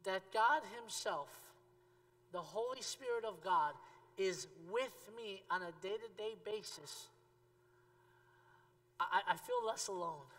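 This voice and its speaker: Bright-voiced guy preaching to the congregation, chatty but punchy, reverby church hall. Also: sits high, takes it slowly, pauses often. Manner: animated, rising to emphatic peaks and dropping to quiet asides; conversational, addresses the congregation directly. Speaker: pastor. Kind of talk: sermon. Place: church stage with a seated audience.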